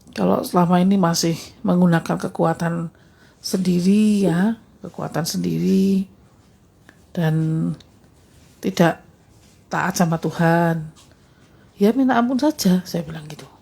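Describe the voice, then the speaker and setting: A woman's voice: on the low side, flat delivery, a little slow, vocal fry, long pauses, mellow, breathy edge. A woman preacher telling a testimony in a sermon, acting out both sides of a conversation. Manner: storytelling, acting out both sides of a phone call.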